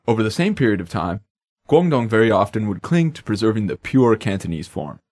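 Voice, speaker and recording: A man's voice: fairly low pitch, very animated, a little fast, a little mellow. A man co-hosting a language lesson podcast in upbeat, jokey scripted banter.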